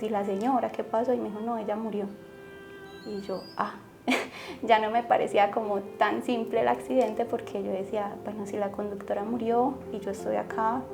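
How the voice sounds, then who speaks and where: Young woman from Colombia, storytelling guest, acts out dialogue, music underneath. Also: medium pitch. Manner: vivid retelling, acting out dialogue. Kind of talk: personal storytelling.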